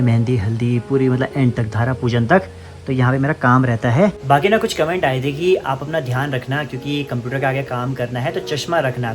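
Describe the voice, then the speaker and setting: A young man from Uttarakhand, vlogging in a casual, chatty way while walking outdoors in hill country. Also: medium pitch. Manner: chatty, leaning on fillers and loose restarts.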